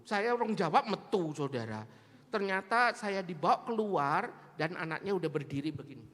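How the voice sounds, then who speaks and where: A man with an East Javanese accent preaching a sermon, telling stories animatedly and speaking straight to the congregation. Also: high-pitched. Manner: animated, mixes local slang, addresses congregation. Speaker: pastor. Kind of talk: storytelling sermon. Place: church sanctuary. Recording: long church-hall reverb.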